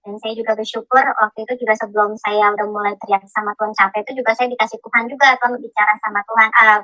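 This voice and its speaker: Woman, middle-aged, bright tone, dry close sound, halting testimony, fillers and restarts. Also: a little high, level tone, no echo, faint music behind, poor audio. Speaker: testimony speaker.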